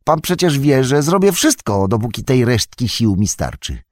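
A man's voice: medium pitch, very animated, normal speed, darkish tone, no echo, clean studio sound, voice pushed up, lightly acted. Sam, a man doing an earnest young hobbit. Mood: pleading. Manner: pleading, eager, raised voice. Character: loyal young male hobbit servant, earnest and tender.

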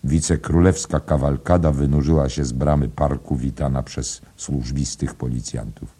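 A man reading a novel aloud in a steady, measured narration. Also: extremely low pitch, husky. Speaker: audiobook narrator.

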